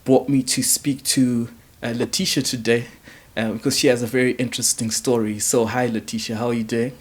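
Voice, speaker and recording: Halting male interview host. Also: medium pitch, flat delivery, slightly rough. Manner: halting, many uhs and mm-hmms. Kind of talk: casual interview questions.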